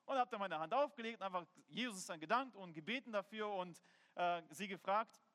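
High-voiced male preacher in a reverberant hall. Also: animated, fairly quick, a bit bright. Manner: earnest, conversational, with personal anecdotes. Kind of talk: sermon.

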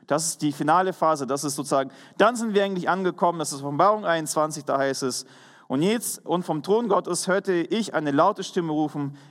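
A man delivers a sermon in a high, earnest voice, stressing his points and sometimes restarting a phrase. His words ring out with the long reverb of a church hall. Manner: earnest, emphatic preaching with pauses and self-corrections. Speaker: preacher.

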